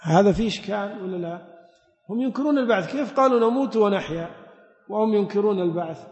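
A man's voice: high voice, lively intonation, fast, darkish tone. A man giving a Quran exegesis lesson, explaining step by step and quizzing his listeners with short questions. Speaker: religious teacher. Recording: echoey hall, dull lo-fi sound.

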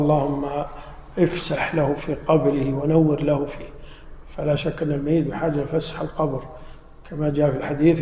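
A man explains a religious lesson, questioning his listeners and answering for them, in a roomy hall with long reverb. His voice is on the high side yet creaky and dark in tone, with a little hiss or hum on the recording.

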